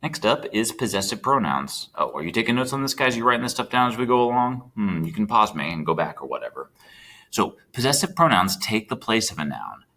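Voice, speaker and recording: A man's voice: fairly low pitch, big pitch swings, fairly quick, bright, forceful tone. A man teaching a recorded Spanish lesson, chatty and checking in with his students as he types. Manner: chatty, checks in with students, talks while typing.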